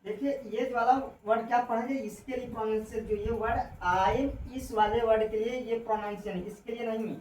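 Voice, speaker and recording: Woman, English teacher, slow spelled-out explanations, roomy echo, faint background hiss. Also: on the high side, fairly even intonation, a little mellow, recorded from a distance. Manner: explains slowly, spells out letters, repeats "ठीक है". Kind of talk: classroom lesson on English contractions. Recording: echoey room, voice from off-mic, faint noise.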